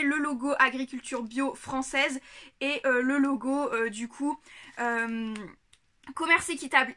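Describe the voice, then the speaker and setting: A woman vlogger chatting casually to a camera on a tripod, giggling often and filling pauses with lots of hesitations. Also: sits high, pushed and bright. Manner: chatty, giggly, many fillers. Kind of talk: casual unboxing chat.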